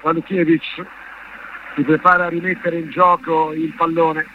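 A man's voice: on the high side, little pitch movement, moderate pace, phone-quality sound. A man giving live, partisan play-by-play football commentary on the radio from a stadium. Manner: partisan, speaks as one of the fans. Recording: band-limited radio broadcast with background noise.

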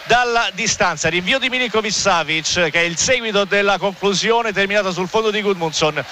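A man commentates live on football in a high, strikingly bright and forceful voice. He keeps up a fluent, wordy play-by-play. Faint stadium noise runs behind him. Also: a little fast. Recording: noisy outdoor stadium background.

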